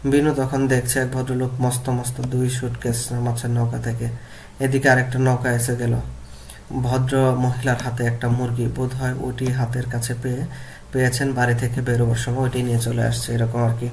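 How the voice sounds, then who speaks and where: A man teaching a lesson, reading a story aloud and then explaining words and repeating them slowly to model their pronunciation. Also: mid-range voice, completely flat delivery, darkish tone, slight background noise.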